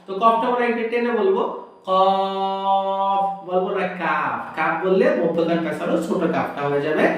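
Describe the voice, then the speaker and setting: A man with a fairly high voice gives a step-by-step Quran pronunciation lesson. He often asks a question and then answers it himself. He draws out each letter sound slowly, and he sounds a little off the mic in a very echoey room. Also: animated, recorded from a distance. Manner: explains step by step, drawing out sounds slowly to demonstrate. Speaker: Quran teacher.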